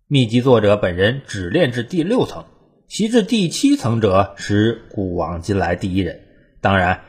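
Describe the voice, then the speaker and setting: Man narrating, lively swooping pitch. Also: slightly rough. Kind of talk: scripted countdown narration.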